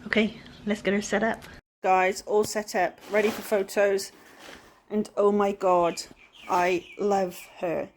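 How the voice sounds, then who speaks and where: Slow and flat in a mid-range voice, with slight background noise, this woman narrates a casual DIY vlog about flipping furniture. She speaks with a West Country English accent, is from the England-Wales border, and rambles chattily while poking fun at herself.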